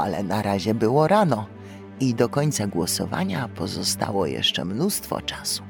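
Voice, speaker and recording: A man with a fairly low, gravelly voice narrates a children's audiobook, telling the story in an expressive way.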